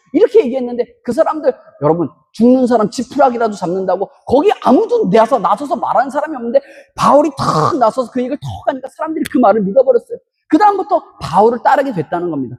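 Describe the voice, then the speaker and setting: A Korean pastor preaching an emphatic sermon in a church, breaking into loud shouted bursts between storytelling asides. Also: high voice, breathy edge. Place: church sanctuary. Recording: long reverb of a church hall.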